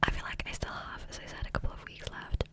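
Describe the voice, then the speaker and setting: An ASMR gaming creator and host murmurs in a soft, breathy, unvoiced whisper right up against a close USB condenser mic. She rambles casually, keeping things gentle and slow.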